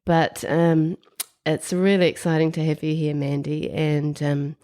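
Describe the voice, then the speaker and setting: Croaky new woman hosting a podcast. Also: deep voice, little pitch movement, unhurried, mellow. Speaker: podcast host. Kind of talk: casual interview chat.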